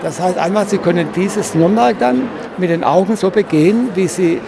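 Guy with a highish voice explaining his work carefully, lots of noise behind. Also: moderate pace. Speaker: exhibitor and designer of paper models. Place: stand at a busy book fair. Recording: clear background noise of a busy fair.

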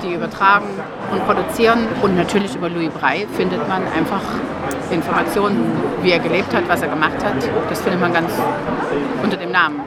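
A woman giving informative interview answers in an explanatory, measured way. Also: fairly low pitch, steady tone. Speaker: exhibitor explaining Braille publishing. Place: busy public fair hall. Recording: loud crowd noise all around.

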